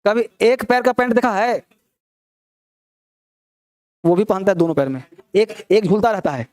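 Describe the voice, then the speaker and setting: A man's voice: sits high, animated, normal speed, a little mellow, no echo. A man teaching an English grammar class, teasing and scolding his students as he quizzes them with rhetorical questions. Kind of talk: classroom lecture.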